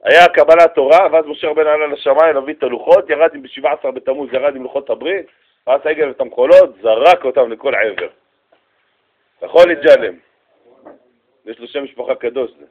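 A man teaches a Bible lesson in a classroom, talking in a lively way and acting out what the people in his story say. His voice sits fairly high. The recording is dull and muffled. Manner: lively, animated, acts out quotes. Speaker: religious teacher.

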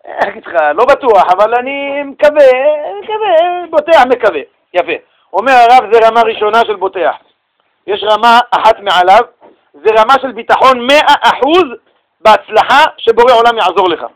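High-pitched guy preaching, gets loud then goes quiet, sounds like a radio broadcast. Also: low-quality recording. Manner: animated, swings between loud exclamations and hushed asides. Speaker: rabbi giving a Torah lesson. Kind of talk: lively sermon with storytelling.

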